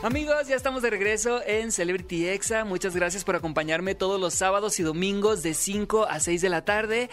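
A male radio host with a Mexican accent and a notably high voice. He presents entertainment in a hyped, chatty showman's style, speaking to listeners as friends. A light music bed runs behind him. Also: a little fast, hardly any pauses, a bit bright.

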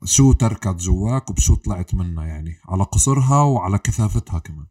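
A man's voice: deep voice, lively intonation, fast talker, darkish tone, breathy edge. A man with a Levantine Arabic accent, interviewing a guest in a conversational way as host.

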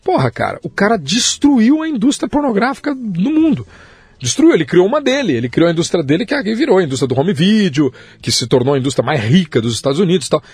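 A man chatting as a podcast guest, animated and swearing freely, his pitch jumping up when he stresses a point. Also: fast, husky, dry recording. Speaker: guest, musician and writer. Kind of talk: casual podcast chat.

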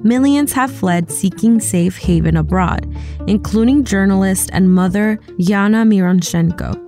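Mellow female podcast host, scripted intro. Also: medium pitch. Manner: clear, measured read. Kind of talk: scripted narration. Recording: soft guitar music behind.

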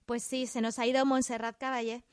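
A woman's voice: a little high, level tone, brisk, clean tone, no echo, clean studio sound. Upbeat, jokey woman co-host. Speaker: podcast co-host. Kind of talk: casual podcast chat. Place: studio.

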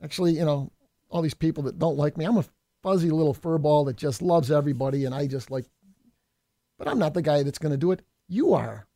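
High-voiced middle-aged guy ranting folksy and combative on his podcast, keeps saying folks, dry sound. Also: fairly quick, dark tone, no echo. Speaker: state assemblyman hosting a political podcast. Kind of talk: fired-up political monologue.

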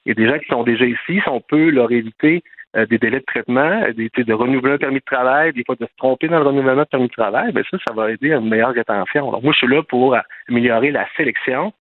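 A man with a Quebec French accent is being interviewed as a guest. His delivery is very quick and explanatory. He comes through a dry, tinny phone line with little bandwidth. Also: mid-range voice, no room sound. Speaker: interview guest, immigration professional.

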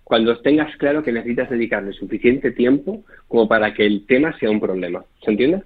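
Fast, husky man, poker coach type, keeps checking you follow; tinny phone-like sound. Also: medium pitch, lively intonation. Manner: fast, explanatory, checks with listener. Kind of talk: podcast interview.

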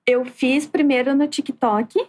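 A woman with a soft, near-whispering voice, chatting casually as a guest. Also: sits high, fairly even intonation, a little slow. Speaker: guest, architect. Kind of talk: casual chat.

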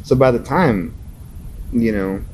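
A man's voice: medium pitch, slow, noisy background. A man in his thirties, a musician guest telling stories in a casual interview, laughing often and acting out his own reactions. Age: 30s.

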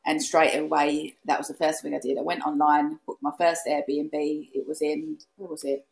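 A woman's voice: low voice, little pitch movement, normal speed, creaky, darkish tone, low-quality recording. A woman with an Essex accent chatting casually in an interview, telling anecdotes, repeating herself and acting out remarks. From East London and Essex, England. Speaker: podcast guest, serviced accommodation host.

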